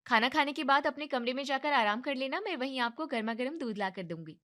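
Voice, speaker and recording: A woman voicing a hardworking young sister-in-law who scolds in a stern, fed-up way in an animated story. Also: high voice, a little fast. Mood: gentle.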